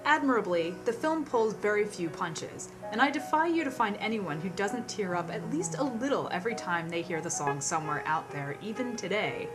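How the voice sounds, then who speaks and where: A woman's voice: mid-range voice, lively intonation, moderate pace, few pauses, over music. A woman presenting a scripted film countdown in a wry, conversational manner.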